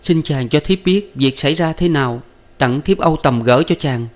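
A man voicing a gentle young wife in her twenties, speaking tenderly and in anguish in a story reading. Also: mid-range voice, moderate pace, voice pushed up, close to an everyday voice. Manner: tender, then anguished pleading.

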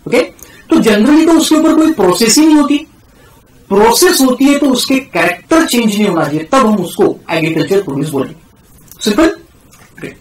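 A man with an Indian English accent giving a classroom lecture, switching between Hindi and English and slowing down to repeat key terms for his students. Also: very high-pitched, expressive, reverberant, rough recording. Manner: mixes Hindi and English, calls students "beta", drills key terms slowly. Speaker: tax teacher.

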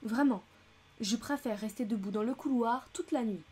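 A woman's voice: a little high, moderate pace, a little mellow, breathy edge. A woman voicing a fussy, anxious older American lady who complains shrilly and breathlessly, in an audiobook reading. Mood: indignant.

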